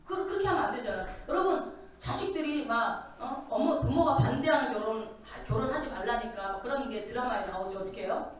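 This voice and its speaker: Woman, sermon, church sanctuary, high voice, very echoey hall, heard from a distance. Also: a little fast, a little hiss or hum. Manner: animated, asks the congregation many questions. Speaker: preacher.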